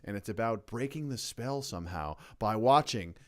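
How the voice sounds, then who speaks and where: Co-hosting a casual political podcast, a young man with a lowish voice and lively intonation talks at a moderate pace. He rants with emphasis and keeps restarting his sentences.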